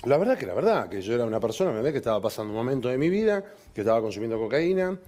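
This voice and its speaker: A man's voice: medium pitch, sing-song, very fast, mellow. A man with a Rioplatense accent telling a personal story in an interview, reflective and checking in with the listener. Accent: Rioplatense Spanish. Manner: reflective, keeps asking "you know?". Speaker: interview guest. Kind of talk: candid anecdote telling.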